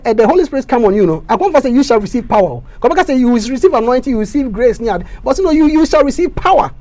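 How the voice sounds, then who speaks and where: Speaking in an extremely high voice, a council candidate with a Ghanaian accent delivers a heated interview. He stammers and repeats himself, then climbs into loud bursts like a preacher.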